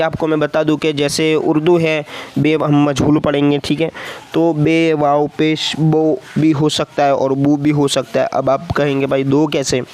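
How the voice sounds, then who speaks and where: A man teaching a script lesson, talking to viewers directly and reading practice words syllable by syllable. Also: mid-range voice. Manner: reads practice words very slowly and loudly, syllable by syllable. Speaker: Urdu teacher.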